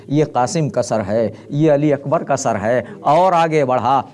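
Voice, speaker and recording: A man's voice: medium pitch, a little mellow. A middle-aged man, a preacher, recounting a mournful sermon in a dramatic storytelling manner. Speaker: Shia preacher.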